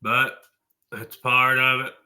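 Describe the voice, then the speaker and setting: A man's voice: medium pitch, little pitch movement, slow pace, bright, forceful tone. A man hosting a college football talk show, blunt and folksy, tossing in mild swearing. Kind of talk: opinionated sports talk.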